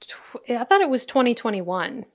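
A woman's voice: on the high side, very animated, moderate pace. A woman hosting a casual podcast in a chatty, jokey way, recorded inside a closet. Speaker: podcast host.

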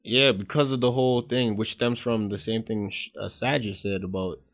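A man's voice: fairly low pitch, fairly even intonation, normal speed. Young man rambling through a story. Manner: rambling storyteller, swears casually. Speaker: podcast co-host. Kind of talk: casual podcast chat.

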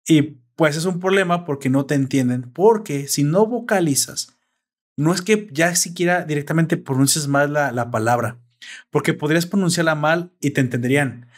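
A man's voice: fairly high pitch, normal speed. A young man with a Mexican accent chatting casually and explaining at length, with salty slang. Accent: Mexican Spanish. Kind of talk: casual chat.

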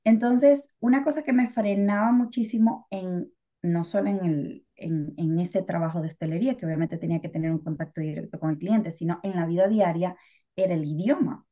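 A Venezuelan woman co-hosts a casual podcast, speaking briskly in a fairly low, warm voice. Her talk is chatty and reflective, full of fillers.

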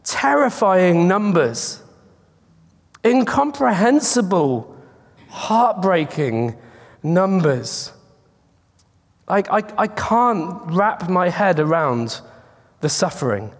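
A man's voice: sits high, animated, slow, long pauses. A man preaching an earnest, chatty sermon at a pulpit microphone, often restarting his words. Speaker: pastor. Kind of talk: conversational sermon. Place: church sanctuary. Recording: long reverb of a church hall.

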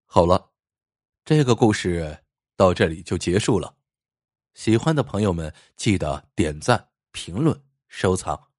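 A man narrating a folk tale as a storyteller, with a husky voice and lively, expressive delivery. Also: deep voice, measured pace, no room sound, clean studio sound.

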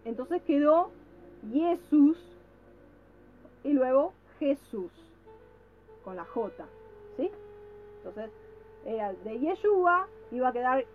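A woman giving a reflective religious talk, slow and deliberate, often checking in with her listeners. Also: sits high, big pitch swings, a little hiss or hum. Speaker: religious teacher. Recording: tinny phone-like sound with faint music.

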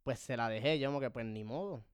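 A man's voice: medium pitch, fast talker, clean tone. A man with a Puerto Rican accent telling a profane, self-mocking story in casual podcast chat. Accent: Puerto Rican Spanish. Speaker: podcast host.

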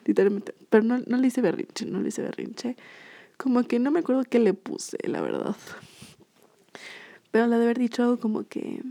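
A woman's voice: a little high, very animated, normal speed, gravelly, pauses often, warm tone. A young woman telling a personal story to her viewers in a casual, rambling way, full of fillers. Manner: chatty, rambling, lots of fillers. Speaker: vlogger.

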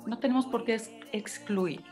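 A woman from Mexico hosting a radio interview, agreeing warmly and adding questioning tags like "right?". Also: a little high, normal speed, faint music behind. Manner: affirming, adds agreeing tags. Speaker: radio host.

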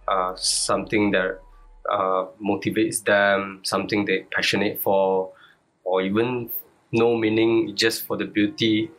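A man's voice: on the low side, little pitch movement, a little slow, fairly bright tone, low-quality recording. A man chatting as a podcast guest in colloquial Singlish-style with clipped grammar and 'lah'. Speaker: guest tattoo artist. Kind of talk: casual podcast chat.

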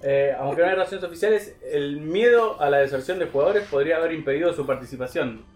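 A man hosting a casual panel chat, reading out news items with a playful, deadpan delivery. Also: fairly high pitch, quick pace, slight background noise. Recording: roomy studio echo.

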